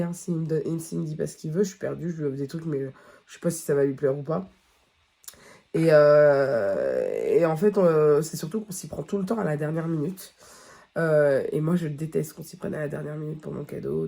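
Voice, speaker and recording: Early in the morning at home, a woman from France who vlogs about beauty talks casually to camera while nursing a head cold. Her low-pitched voice is mellow with vocal fry, and she meanders with lots of fillers and false starts.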